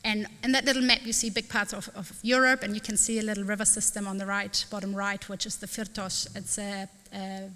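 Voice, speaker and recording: A middle-aged woman from Southern Germany, telling her story in an earnest, enthusiastic public talk and often pausing to find her words. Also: mid-range voice, little pitch movement, pushed and bright. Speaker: freshwater ecologist giving a talk. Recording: reverberant hall.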